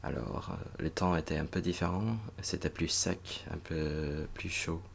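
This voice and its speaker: A young man from northern Virginia, a native English speaker, talking slowly and hesitantly in a reflective monologue, with many pauses and restarts. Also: rumbling low, little pitch movement, vocal fry, a little hiss or hum. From United States (northern Virginia). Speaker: recent master's graduate vlogger.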